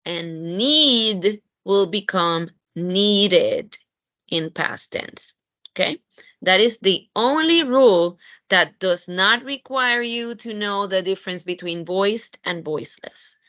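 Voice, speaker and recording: A woman teaches English pronunciation, moving between English and Spanish. Her voice is bright and crisp, and she checks in with "okay?" and "right?" as she explains. The recording sounds dull and lo-fi, with a dry, close sound. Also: medium pitch, lively intonation, dry recording. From Puerto Rico. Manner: switches between English and Spanish, slow deliberate English, brisk Spanish explanations. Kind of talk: bilingual pronunciation lesson.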